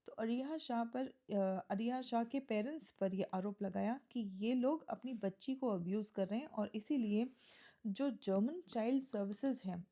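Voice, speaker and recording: A woman teaching an editorial reading lesson. She reads the English lines slowly, then explains them in Hindi, and checks in with students as she goes. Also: mid-range voice, dark tone. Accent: Indian English. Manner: asks students questions and checks with "है ना?".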